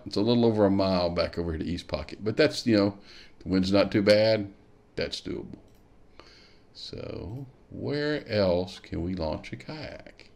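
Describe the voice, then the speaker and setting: His voice is low-pitched, a little mellow, with vocal fry. The man hosts a kayak fishing show and guides viewers around an on-screen map, mulling things over aloud with hmms as he clicks through the tutorial.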